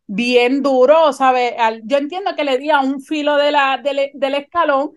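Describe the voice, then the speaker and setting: A woman, telling a personal story in animated conversation and often checking that her listener follows. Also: high-pitched, measured pace.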